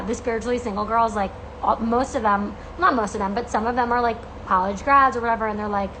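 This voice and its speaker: A young American woman talks casually to her livestream followers with a creaky vocal fry. Her pitch sits in the middle, and her delivery is emphatic and gushing, peppered with slang. Noticeable background noise runs under the recording. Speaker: podcast host and coach. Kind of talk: casual livestream chat to fans.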